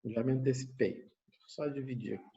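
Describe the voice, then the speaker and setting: A man's voice: mid-range voice, steady tone, moderate pace, warm tone, dull audio. A man with a Brazilian Portuguese accent teaching an online class, explaining step by step, thinking aloud and often checking in with his listeners. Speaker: university lecturer. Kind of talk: online lecture with screen sharing.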